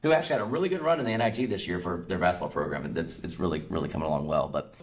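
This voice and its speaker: A man from Southern California, a podcast co-host and coach, asking questions in a quick, upbeat way. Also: low voice. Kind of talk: podcast interview, hosting.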